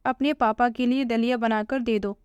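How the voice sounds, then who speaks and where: A woman voicing a patient, hurt older mother-in-law who speaks in a gentle, pleading way. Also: a little high, fairly even intonation, normal speed, clean tone, no room sound, lo-fi sound, close to an everyday voice.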